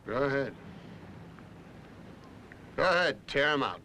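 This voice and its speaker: A gruff, bossy date farmer. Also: male voice, mid-range voice, lively intonation, moderate pace, bright, forceful tone, a little hiss or hum, rough recording. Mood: commanding. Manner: blunt, commanding. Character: gruff middle-aged male date farmer, bossy, possessive. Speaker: ranch owner. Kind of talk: 1960s TV drama acting.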